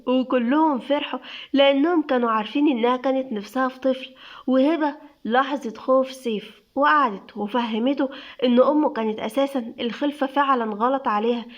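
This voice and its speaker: Egyptian woman storyteller, high voice, steady narration, dull lo-fi recording. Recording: dull lo-fi sound.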